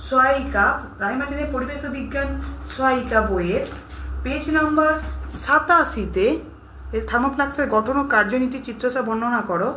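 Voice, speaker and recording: A woman teacher, reading exam questions and their answers aloud and steadily telling students what to learn. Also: high-pitched. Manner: steady, instructive, addresses students directly. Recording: echoey room with faint hiss.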